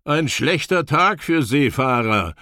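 Guy reading, doing a cocky young norse sword fighter yelling, higher and louder, dry sound. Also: lively intonation, takes it slowly, dry recording, heavily acted. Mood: urgent. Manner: calling out urgently over the wind.

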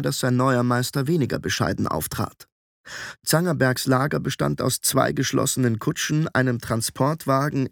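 A man reading an audiobook as narrator in a calm, even storytelling voice. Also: medium pitch, vocal fry, no echo, clean studio sound. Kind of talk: scripted narration.

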